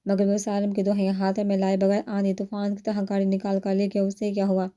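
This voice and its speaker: A woman reading a romance novel aloud in steady storytelling narration. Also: mid-range voice, clear, resonant tone. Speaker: novel reader.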